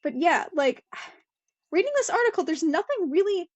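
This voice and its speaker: A woman's voice: very high-pitched, very animated, moderate pace, muffled recording. A young woman co-hosting a casual podcast chat, talking freely and laughing often as she reads out quotes. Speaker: podcast co-host. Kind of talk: casual chat about motor racing.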